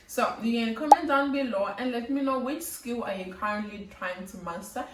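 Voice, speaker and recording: A woman's voice: on the high side, moderate pace. A young woman vlogging advice on nursing school, earnest and instructive as she lists tasks. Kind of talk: advice vlog talking to camera. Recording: roomy, slightly distant mic.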